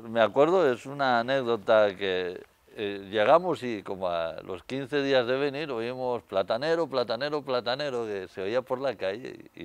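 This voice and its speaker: A man's voice: on the low side, clean tone, dry recording. An older man with a Spanish accent from Spain, a guest telling stories in a studio interview, on a lapel mic. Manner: storytelling, gestures with hands, many fillers. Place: TV studio set.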